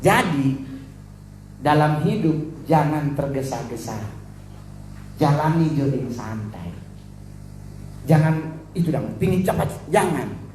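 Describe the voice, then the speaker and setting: Manado-accented guy preaching, jokey stories, fairly high voice, echoey room. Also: takes it slowly, long pauses, soft background music. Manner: animated storytelling, mimics other voices. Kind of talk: humorous sermon with anecdotes.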